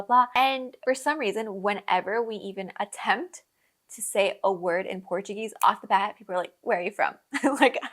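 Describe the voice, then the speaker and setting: A young woman who was born in Colombia and grew up in the US, hosting a podcast and telling travel stories in a chatty way, with lots of fillers, laughing often and acting out her own reactions. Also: medium pitch. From born in Colombia, raised in the US. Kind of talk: casual storytelling chat.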